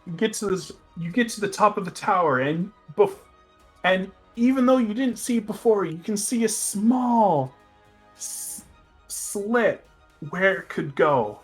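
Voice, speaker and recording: A man narrating a tabletop fantasy game as game master, halting and restarting his phrases as he describes. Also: sits high, lively intonation, faint music behind.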